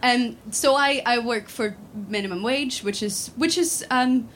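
A Swedish woman in her twenties, with a fairly bright voice on the high side, speaks at a measured pace over slight background noise. She talks with many fillers and restarts, then recites a spoken word poem built on repeated refrains.

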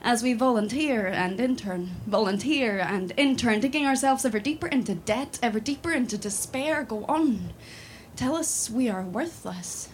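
Animated and moderately paced, this woman's voice sits on the high side with a little hiss or hum. A Swede in her twenties, she begins with many fillers and restarts, then performs a spoken word poem built on repeated refrains.

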